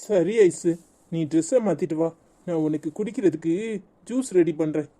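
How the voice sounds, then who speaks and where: A woman's voice: deep voice, moderate pace, dark tone. A woman voicing an anxious, protective young husband in a cartoon, speaking with a Tirunelveli Tamil accent in a pleading, flustered way. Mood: worried. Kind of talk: cartoon voice acting.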